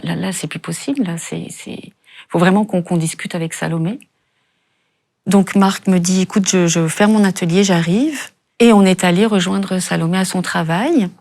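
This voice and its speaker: A woman's voice: fairly low pitch, a little mellow. A middle-aged woman giving an emotional testimony as an interview guest, often breaking off and repeating words. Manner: halting, repeats words when upset. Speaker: guest, bereaved mother.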